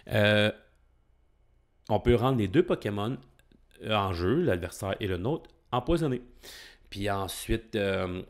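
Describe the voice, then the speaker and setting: A middle-aged man with a Québécois French accent, giving excitable, casual commentary while opening trading cards and thinking aloud. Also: on the low side. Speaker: card-opening YouTuber.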